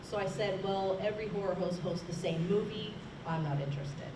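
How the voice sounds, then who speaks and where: A woman's voice: mid-range voice, a little fast. A woman, a horror host, casually telling anecdotes about her work on a convention panel. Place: large room at a convention, panel. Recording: roomy, distant, noisy convention hall recording.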